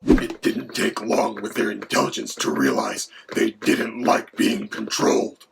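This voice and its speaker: A man voicing a menacing male dragon who co-hosts, with a gravelly, whispery voice. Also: lowish voice, big pitch swings, measured pace, exaggerated voice. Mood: matter-of-fact. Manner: mock-menacing, then lecturing in turn with the host. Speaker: co-host. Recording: background noise.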